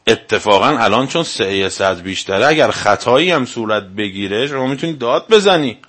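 A man's voice: mid-range voice, expressive, a bit bright, slightly rough. Man preaching with pointed rhetorical questions. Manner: argumentative, fires rhetorical questions. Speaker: cleric lecturer. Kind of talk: religious lecture to a live audience.

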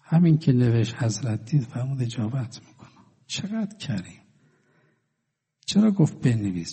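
A man preaching a sermon, telling stories and swinging between loud declaiming and hushed, drawn-out words. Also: mid-range voice, slightly rough, big-room sound. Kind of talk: religious sermon with storytelling.

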